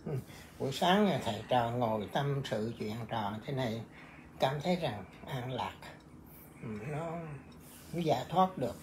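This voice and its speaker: Buddhist monk with a Vietnamese accent, halting casual chat, steady mid voice, noisy background. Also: male voice, mid-range voice. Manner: halting, many filler words and restarts.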